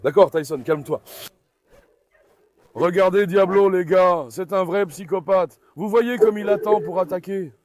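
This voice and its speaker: A man hosting a dog vlog, giving running commentary to viewers and repeatedly calming his dogs with soothing commands. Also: high-pitched, measured pace. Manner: talks directly to viewers as friends. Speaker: dog owner and channel host.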